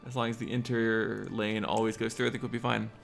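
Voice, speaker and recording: A man with a low, gravelly voice mutters his way through a city-building game, half planning out loud and half answering his chat. His talk is loose and casual, and faint music sits under the voice. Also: little pitch movement, fast. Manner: muttering to himself while planning, talking to chat. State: hiccups. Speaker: livestreamer. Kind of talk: casual gameplay commentary.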